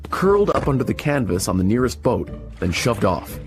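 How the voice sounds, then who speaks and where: A man narrating an adventure storybook in an expressive reading style. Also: mid-range voice, fairly quick, soft background music.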